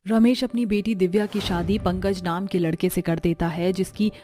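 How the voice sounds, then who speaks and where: A woman narrating a scripted family story in a steady storytelling manner. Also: lowish voice, normal speed.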